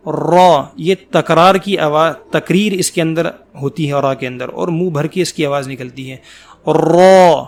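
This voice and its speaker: A man teaching Quran letter pronunciation, drawing out each letter slowly and explaining patiently between them. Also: on the high side, creaky. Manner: slow, drawn-out letter recitation.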